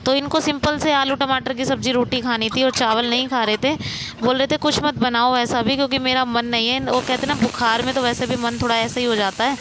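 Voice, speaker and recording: A woman's voice: high-pitched, steady tone, brisk, background noise. A woman narrating her home vlog in a rambling voice-over with many fillers. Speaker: vlogger.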